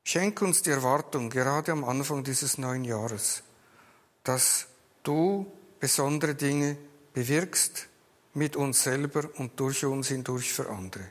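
A man leading a church service, praying and then inviting a speaker forward, in a measured, earnest way. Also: medium pitch, big-room sound. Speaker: pastor or service leader. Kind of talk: prayer and service moderation.

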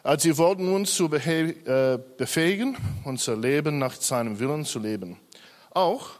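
Nervous Australian man testifying in a reverberant hall. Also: mid-range voice. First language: English. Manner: hesitant, many fillers and self-corrections, slightly nervous. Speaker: church member giving a testimony. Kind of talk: personal testimony in a church service.

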